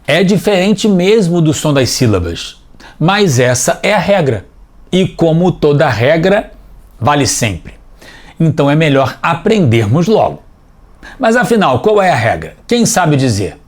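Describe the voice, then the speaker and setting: A man teaching a scripted TV language lesson for children, explaining clearly and patiently, step by step. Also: on the high side, very animated, a little slow.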